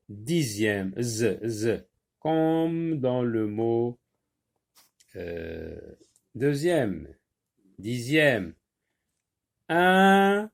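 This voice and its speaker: Very slow-paced male reading teacher. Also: mid-range voice, darkish tone. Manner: slow, deliberate, repeats and stresses each sound. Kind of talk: French phonics lesson.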